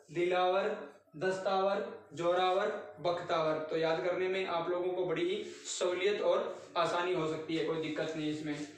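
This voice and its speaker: High-voiced teacher in a very echoey room. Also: male voice, far from the mic. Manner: repeats word lists with frequent "theek hai" checks. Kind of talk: Hindi grammar lesson. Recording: very echoey room, recorded from afar.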